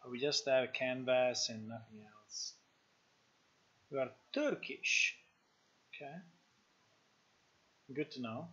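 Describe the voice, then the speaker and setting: An Italian game developer with an Italian accent chats casually while building a game on a live stream, thinking aloud with frequent fillers and restarts. His mid-range voice has a sharp tone, and he takes it slowly with long pauses. The stream audio is dull and lo-fi.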